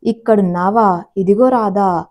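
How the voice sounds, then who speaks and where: A woman's voice: medium pitch, steady tone, unhurried, darkish tone, natural voice. A woman voicing a kindly older brother who talks in a mild, matter-of-fact way.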